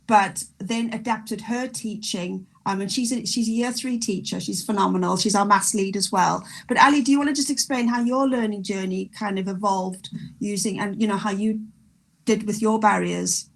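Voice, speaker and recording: Speaking at normal speed in a creaky mid-range voice, a South African woman who teaches primary school joins an online panel discussion. She's animated and talkative, frequently starting her sentences over.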